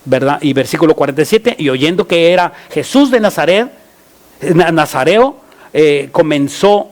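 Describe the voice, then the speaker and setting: High-voiced halting Mexican pastor. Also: male voice, animated. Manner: halting, many fillers and restarts, cries out prayers loudly. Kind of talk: sermon.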